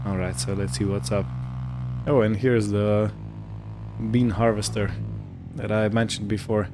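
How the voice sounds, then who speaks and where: His voice sits on the low side with a level tone and a slightly slow delivery, over a noisy background. The man, a gaming video host, muses aloud in casual roleplay commentary, describing what he's doing as faint vehicle and ambient sounds drift in.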